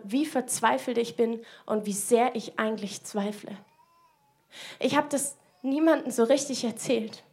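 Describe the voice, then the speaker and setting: A woman preaching a sermon, earnest and personal, asking searching questions and speaking directly to the listener. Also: sits high.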